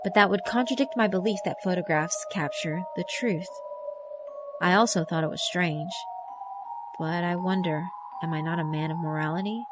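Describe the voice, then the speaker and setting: A woman reads scripted first-person narration for a visual novel in a fairly low voice at a moderate pace. Mallet and glockenspiel music plays behind her.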